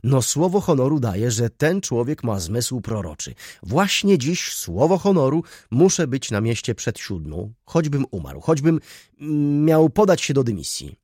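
A man voicing a young, dandyish male shop clerk who talks in quick, fawning sales patter. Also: fairly low pitch, animated, a little mellow, slightly rough, no room sound, studio quality. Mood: excited excuses. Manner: rapid, ingratiating patter.

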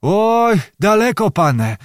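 A man's voice: high voice, sing-song, slow, no echo, clean studio sound, voice pushed up, heavily acted. A man voicing an old male village peasant who gives short, plain, deferential answers.

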